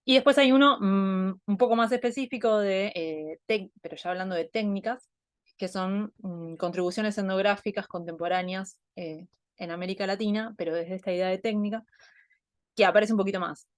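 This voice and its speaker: A woman's voice: medium pitch, fairly even intonation, moderate pace, no echo, studio quality. A woman from Argentina with an Argentine Spanish accent, an anthropologist giving an online talk, thinking aloud with many fillers and restarts. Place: home, Buenos Aires.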